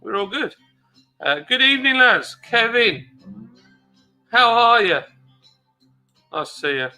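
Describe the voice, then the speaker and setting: A man's voice: very high-pitched, very animated, slow pace, bright, forceful tone, soft background music. A man hosting a casual late-night live stream, chatting away in a rambling manner and reading viewer comments aloud.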